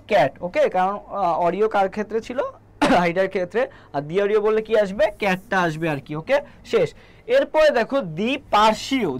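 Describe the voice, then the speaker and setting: A biology tutor with a Bangladeshi Bengali accent, teaching a live online class and asking questions that they answer themselves. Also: mid-range voice. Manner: quizzing, asks and answers own questions; reads viewer names from comments.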